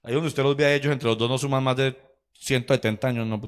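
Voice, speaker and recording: A man preaching a sermon in a church, his voice pitched in the middle range for a man. He tells personal stories, slips into acted quotes and laughs along the way. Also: fairly even intonation, fast talker, smooth. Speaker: pastor.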